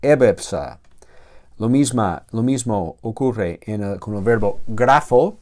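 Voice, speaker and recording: Man, grammar lecture, very slow delivery, halting, self-correcting, drawn-out word forms. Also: fairly low pitch, darkish tone. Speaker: theology teacher.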